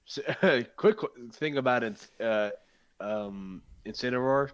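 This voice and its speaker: A man's voice: mid-range voice, slow pace, smooth. A man co-hosting a casual gaming podcast, joking around and sometimes losing his train of thought. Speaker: podcast co-host.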